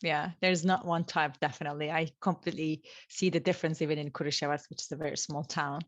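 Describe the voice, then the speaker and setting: A woman with a notably low voice co-hosts a casual podcast. She asks questions and chimes in with quick agreement. The sound is dry and close, with no room echo. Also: little pitch movement, lo-fi sound. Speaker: podcast co-host. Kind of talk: casual chat.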